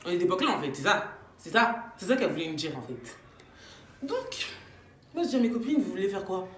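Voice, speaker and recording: A young woman tells a story in a casual, slangy way, her pitch leaping as she acts out quotes. Her voice rings a little in an echoey room with faint noise behind it. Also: big pitch swings, brisk. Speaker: vlogger.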